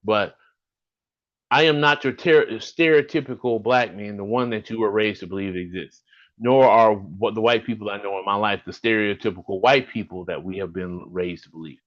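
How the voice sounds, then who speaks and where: A man's voice: on the low side, moderate pace, a bit bright, muffled recording. A man in his fifties from Alabama with a Southern accent, talking earnestly and rambling a little as a podcast host over a video call. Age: 50s. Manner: earnest, rambling, restarts sentences.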